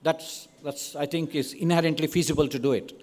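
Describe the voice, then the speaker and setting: In a reverberant hall, a man with an Indian accent gives an informal podium speech. His voice sits a little high, and he talks conversationally, often adding small check-in questions. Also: fairly even intonation, a little fast, a little mellow. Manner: conversational, frequent "right?" and "okay?" check-ins. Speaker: conference speaker. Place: large indoor event hall, on stage. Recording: long reverberant hall sound.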